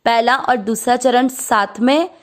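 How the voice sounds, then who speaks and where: A woman teaching Sanskrit verse pronunciation, breaking words into syllables and reciting them slowly and drawn out. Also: fairly high pitch, fairly even intonation. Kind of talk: patient pronunciation lesson.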